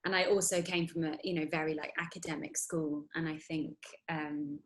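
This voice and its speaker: A woman in her thirties with a low-pitched voice chats casually as an interview guest. She rambles, restarting sentences and filling pauses with ums. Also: steady tone, low-quality recording. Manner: chatty, rambling, many fillers and restarts. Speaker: guest actress.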